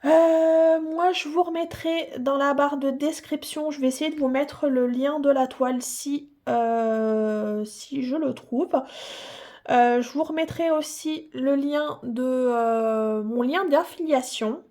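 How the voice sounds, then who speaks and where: A woman's voice: high voice, takes it slowly, mellow. A woman hosting a casual unboxing vlog who gushes and repeats herself, with many hesitant fillers. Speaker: hobby channel host.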